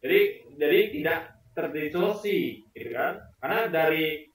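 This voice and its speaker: High, bright man, rambling, echoey room. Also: lively intonation, moderate pace, recorded from a distance. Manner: rambling, repeats words, searches for examples. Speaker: video commentator. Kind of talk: casual commentary on a debate clip.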